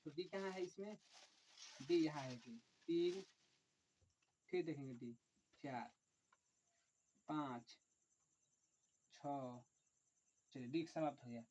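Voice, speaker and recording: A man teaching an online chemistry lesson, dictating slowly and repetitively, often saying "look" and counting aloud. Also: a little high, warm tone, slight background noise. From Bihar, India. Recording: dull lo-fi recording.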